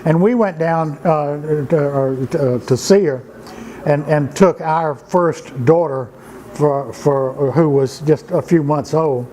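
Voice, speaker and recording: With a dark tone and a voice a bit high for a man, an older writer and storyteller from Georgia, USA, spins unhurried, folksy anecdotes about his family. He halts often, with lots of "uh"s and restarts. The poor audio carries a faint background noise.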